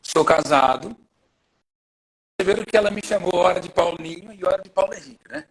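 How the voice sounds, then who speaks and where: A man's voice: sits high, animated, a little fast, creaky, low-quality recording. A man, a guest telling his personal testimony in a friendly, chatty way on a live podcast. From Rio de Janeiro, Brazil. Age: 40s. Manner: friendly, chatty, self-introducing at length.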